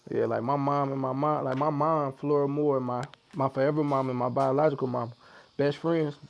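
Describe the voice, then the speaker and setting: A man with a St. tells his story in a relaxed, chatty way. His voice has a gravelly edge, and he slips into the voices of the people he quotes. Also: mid-range voice, fairly quick. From Missouri, USA. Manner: animated storyteller who acts out quotes. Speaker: podcast guest. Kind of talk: storytelling in casual conversation.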